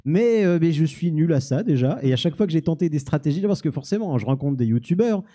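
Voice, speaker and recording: A youtuber guest answers audience questions during a live on-stage Q&A at a small cinema-café venue, rambling and mocking himself with many restarts. His voice is on the high side, mellow and animated, and he talks fast.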